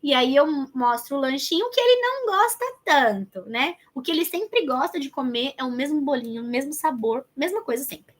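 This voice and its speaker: Her pitch is high and swings widely, and she speaks at a moderate pace. The speaker is a Brazilian educator with a Brazilian Portuguese accent, teaching child development planning online in a conversational style, addressing viewers and reasoning aloud.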